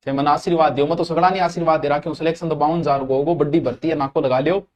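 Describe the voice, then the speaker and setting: A man's voice: on the high side, fairly even intonation, rapid-fire, a little mellow. A man with a Rajasthani accent teaching Hindi grammar in a live online exam-prep class, chatting with students directly and slipping into local dialect.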